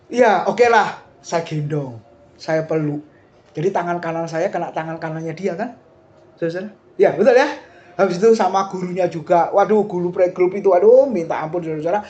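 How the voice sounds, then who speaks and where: Lively middle-aged man preaching, Indonesian accent. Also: high-pitched. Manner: lively, talks straight to the congregation with asides and questions. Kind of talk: sermon.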